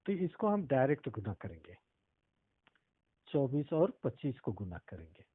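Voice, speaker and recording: A man's voice: mid-range voice, big pitch swings, moderate pace, slightly rough, dry recording. A male math teacher explaining decimal multiplication step by step, often stopping to ask if students understood. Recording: tinny phone-like audio.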